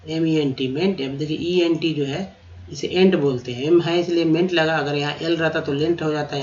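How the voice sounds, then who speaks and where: A man teaching English vocabulary, saying each word, spelling it out and repeating it slowly. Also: fairly high pitch, highs cut off. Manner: slow, drawn-out repetition of each word. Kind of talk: spelling and pronunciation lesson.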